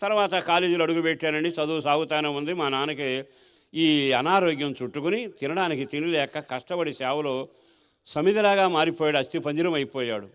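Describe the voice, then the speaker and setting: In a sermon testimony, a male pastor recounts his life story, posing rhetorical questions and moving between intense and gentle emotion. His voice sits slightly high, and his delivery is brisk and smooth.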